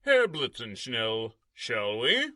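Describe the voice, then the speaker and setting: A man voicing a calm, smug superhero who brushes off the villain. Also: mid-range voice, slow, dry recording, studio quality, full character voice.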